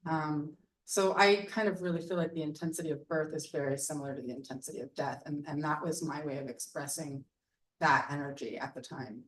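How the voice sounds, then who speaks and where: A woman artist with a low-sitting voice and fairly even intonation leads a casual public conversation at an event, speaking briskly. She hesitates with lots of ums but is clearly enthusiastic, and she sounds far from the mic.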